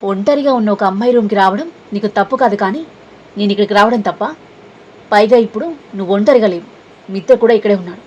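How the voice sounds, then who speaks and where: Headstrong young woman, sharp scolding delivery, read by a female narrator. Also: mid-range voice, quick pace, highs cut off, a little hiss or hum, close to an everyday voice. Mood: defiant.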